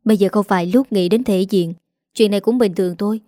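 A woman voicing a young office-worker daughter, soft and pleading with her mother. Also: mid-range voice, fast talker, no room sound, clean studio sound, natural voice.

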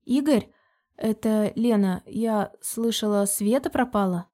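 A woman's voice: medium pitch, measured pace, mellow, lightly acted. A woman voicing an anxious young female friend who speaks in a worried, hesitant way.

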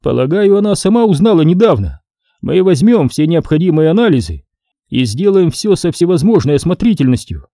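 A calm, brisk male surgeon from an audiobook , put on by a man. He speaks in a matter-of-fact, businesslike way, pitched higher than the reader's own dark voice. The sound is dry and close, with no room around it. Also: no echo.

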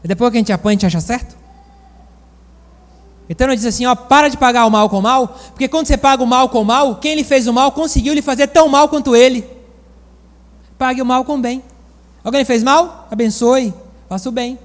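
A man from Bahia, preaching a sermon in a folksy, animated storytelling manner with asides to the congregation. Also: extremely high pitch, brisk, pauses often, long reverb tail. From Bahia, Brazil.

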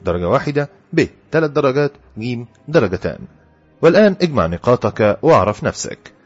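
Deep, husky Egyptian male narrator. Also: a little mellow. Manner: wry, humorous storytelling. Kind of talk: first-person audiobook narration. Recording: dull lo-fi audio with faint background music.

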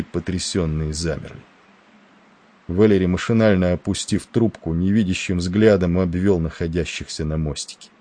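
A man narrating a novel as an audiobook in a measured, even way. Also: low voice.

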